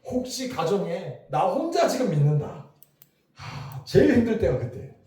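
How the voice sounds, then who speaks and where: A middle-aged man preaching a revival sermon as pastor, lively and asking the congregation questions. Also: high-pitched, moderate pace, very echoey, recorded from a distance. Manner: lively, talks to the crowd with questions. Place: church hall.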